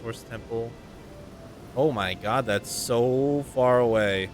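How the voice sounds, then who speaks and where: A man's voice: medium pitch, slow, soft background music. A man giving casual let's play commentary, informally muttering reactions to the game as he plays. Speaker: gamer playing and commenting.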